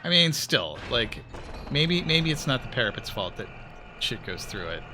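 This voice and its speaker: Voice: medium pitch, very animated, moderate pace, noisy background. A game streamer giving casual live commentary while playing, with wry jokes and bursts of mock outrage. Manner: wry, joking asides that flare into mock outrage. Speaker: let's-play streamer.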